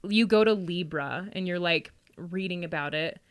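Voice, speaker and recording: A woman's clear, resonant voice sits on the low side as she talks at a moderate pace. A parent and guest tarot and astrology reader, she chats casually, explaining things loosely and often tossing in laughing asides.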